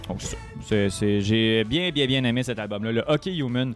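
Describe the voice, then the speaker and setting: A man's voice: mid-range voice, moderate pace. A man with a Quebec French accent, co-hosting a casual music podcast, hesitant with many fillers and restarts. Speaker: podcast co-host.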